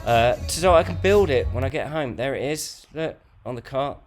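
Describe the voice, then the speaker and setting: A man's voice: medium pitch, moderate pace, soft background music. Jokey man narrating a vlog. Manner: jokey, teasing, lively narration. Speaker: co-host, husband. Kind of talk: playful vlog voice-over.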